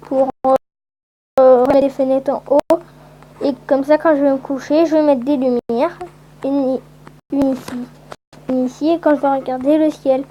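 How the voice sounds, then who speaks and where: A woman's voice: high-pitched, flat delivery, normal speed, long pauses, dark tone, muffled recording, slight background noise. A woman giving casual, rambling let's-play commentary with lots of hesitant fillers. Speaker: gameplay commentator.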